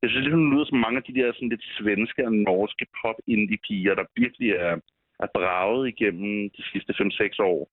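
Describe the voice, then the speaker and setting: A man's voice: lowish voice, no room sound, narrow, tinny audio. A man co-hosting a casual podcast chat, blunt and opinionated, swearing casually. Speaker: podcast co-host. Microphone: remote call line.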